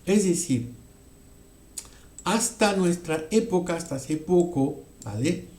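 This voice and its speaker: Slow, mellow-voiced male language teacher. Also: sits high, expressive, roomy sound. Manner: slow, repeats French words aloud several times; checks in often with "¿de acuerdo?". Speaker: French teacher. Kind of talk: explanatory language lesson.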